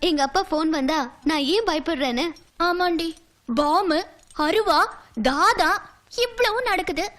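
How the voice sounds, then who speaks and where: A woman's voice: very high-pitched, measured pace. An actress playing a brash, boastful young woman in a film comedy. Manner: boastful, bossy, excitable. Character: brash young woman, self-styled local queen, bossy. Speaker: film character.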